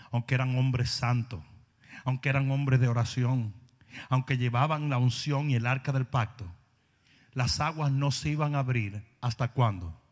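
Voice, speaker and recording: A man preaching a sermon, animated storytelling that rises to shouting. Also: mid-range voice. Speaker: pastor. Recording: long hall reverb.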